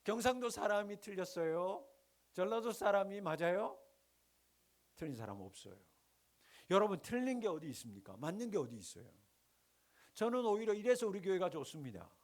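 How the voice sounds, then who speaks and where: A middle-aged male pastor from the Gyeongsang region, preaching with rhetorical questions and sharp swings between loud and hushed lines. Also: high-pitched, sing-song, moderate pace, pauses often. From Gyeongsang region, Korea. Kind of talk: sermon.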